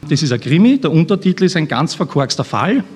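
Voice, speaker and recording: A man's voice: a little high, big pitch swings, fast talker, husky. An Austrian man, an author introducing a reading at a live event, talking in a rambling, self-mocking way with many restarts. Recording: long hall reverb.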